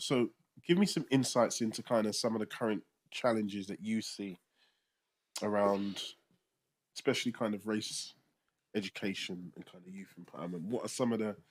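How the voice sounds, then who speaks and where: A man hosting a podcast, asking questions in a relaxed, encouraging way. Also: fairly low pitch, moderate pace, slightly rough. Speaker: podcast host. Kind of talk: casual interview conversation.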